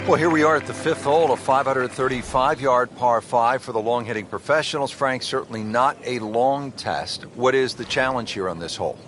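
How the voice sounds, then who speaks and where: A man working as a golf commentator in a video game, with a measured, polished TV announcer delivery. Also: medium pitch, fairly bright tone, lightly acted. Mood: composed, appreciative. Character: male TV golf commentator, composed and appreciative. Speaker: lead golf broadcast commentator. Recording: background music and crowd ambience.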